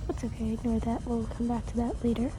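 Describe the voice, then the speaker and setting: A woman's voice: on the high side, steady tone, quick pace, music in the background. A woman hosting a video game walkthrough with informal, step-by-step commentary and instructions. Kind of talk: casual gameplay commentary and instructions. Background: game sound.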